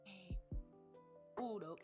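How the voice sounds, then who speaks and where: A woman's voice: mid-range voice, extremely slow, over music. A woman co-hosting a casual podcast stream, chatting in a rambling, self-deprecating way while she plays. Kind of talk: casual chat while playing a game.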